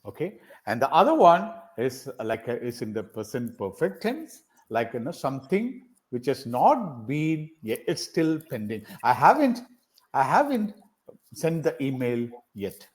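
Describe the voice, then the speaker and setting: A man's voice: medium pitch, big pitch swings, measured pace. A man from India, tutoring on a video call, encouraging and rattling off example sentences. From South India. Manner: encouraging, repeats phrases and gives many example sentences. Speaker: English tutor. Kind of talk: conversational English practice session.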